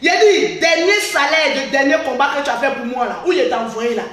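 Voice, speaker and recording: A woman rants at a rival in a high, sharp voice, mocking and boastful, with frequent laughs and shouts. She sounds set back from the mic in a very echoey space. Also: a little fast, recorded from a distance. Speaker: social media blogger. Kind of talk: boastful livestream rant.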